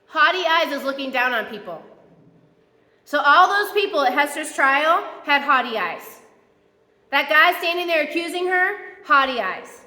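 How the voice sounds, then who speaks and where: A woman's voice: high-pitched, lively intonation, normal speed, bright, forceful tone. A woman pastor giving a conversational, playful sermon in a church, acting out the quotes she tells. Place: church sanctuary. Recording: echoey church hall.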